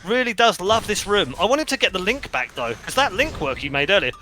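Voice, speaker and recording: Excitable game caster, high and very bright voice, light hiss behind. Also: male voice, a little fast. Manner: excitable, jokey, shouts at big plays. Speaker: game commentator. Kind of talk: esports commentary.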